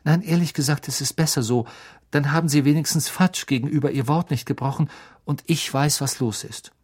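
A man's voice: on the high side, darkish tone, breathy edge. Man reading as a frank teenage boy. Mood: frank, earnest. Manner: blunt, quick, earnest.

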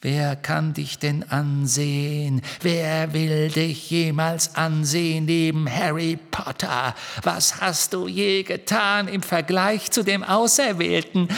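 A man's voice: high-pitched, takes it slowly, creaky, few pauses, a bit bright, big-room sound, pitched above the performer's own voice, exaggerated voice. A man voicing a cruel, cackling phantom copy of a teenage girl who coos mocking taunts. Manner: cooing, mocking.

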